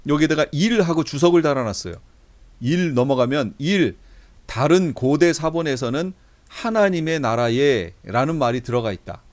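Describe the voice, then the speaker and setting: Middle-aged male pastor, slightly high voice, conversational lecture style with deliberate readings. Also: lively intonation. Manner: conversational, reads verses slowly aloud. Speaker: pastor teaching a Bible class. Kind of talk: lecture, explaining Bible translations.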